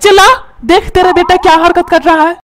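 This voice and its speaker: A woman voicing a short-tempered middle-aged cartoon father who yells and scolds his family. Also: very high-pitched, fairly even intonation, fairly quick. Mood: angry. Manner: yelling, scolding, self-pitying. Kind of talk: cartoon voice acting. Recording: music playing underneath.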